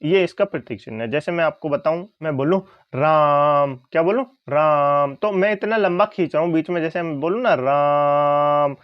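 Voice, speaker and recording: A male teacher giving an exam-prep lesson, who asks his own questions and then answers them, rising on each check and dropping low on the answer. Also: fast, few pauses, no room sound, muffled recording.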